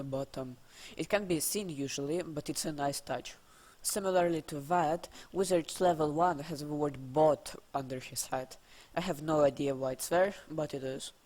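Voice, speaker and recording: This speaker has a Russian accent and a medium-pitched voice. They read scripted game trivia for a video, adding casual asides in a dry, deadpan manner.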